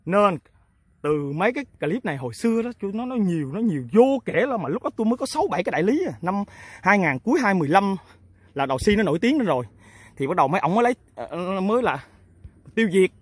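A man with a Southern Vietnamese accent talks bluntly and emphatically to his farmers, firing rhetorical questions at them. His voice sits high and swings widely up and down, with a husky edge. The sound is close and dry. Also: very animated, quick pace, no echo. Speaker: founder of a fertilizer company addressing farmers and agents. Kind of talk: off-the-cuff talk to his customers.

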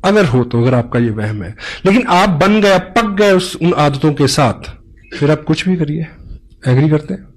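Man, motivational business trainer, emphatic, seminar talk, fairly high voice. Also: expressive, normal speed, low-quality recording. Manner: emphatic, mixes in English phrases, tells parables.

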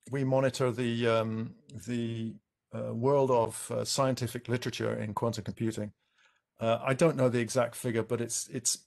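Man, panel expert, video call, gravelly fry, mid pitch, explanatory, many ums. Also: darkish tone.

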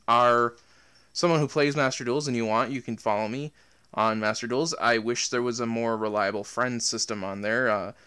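A man's voice: medium pitch, a bit bright, smooth. A man who makes gaming videos, chatting casually and rambling with many fillers and restarts. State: out of breath. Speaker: gaming YouTuber. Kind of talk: casual outro talk to viewers.

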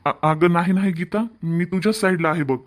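A woman's voice: on the low side, a little fast, lightly acted. A woman voicing a mild, reassuring young husband and son in a cartoon family drama.

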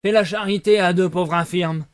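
Vieux renard mendiant, voix d'homme, geignard, lent, assez haut. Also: male voice, sits high, level tone, measured pace, gravelly, darkish tone, voice pushed up. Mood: pleurnichard.

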